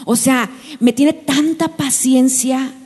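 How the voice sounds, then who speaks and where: A woman's voice: high voice, takes it slowly, a little mellow, slightly rough, full character voice. A woman doing a smitten young girl, gushing, slightly raised voice, long hall reverb. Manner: gushing, pleading.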